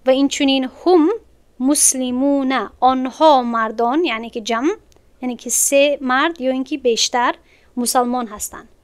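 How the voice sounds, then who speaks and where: A woman teaching an online Arabic grammar lesson in Tajik-accented Persian. Her voice sits high and sounds smooth and clear. She explains patiently, stepping through each point and repeating words slowly.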